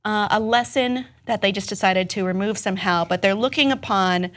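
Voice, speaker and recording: Woman, talk show host, casual recap, mid pitch, frequent laughter. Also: moderate pace, fairly bright tone. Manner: recaps scenes conversationally, laughs often. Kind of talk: casual pop-culture chat.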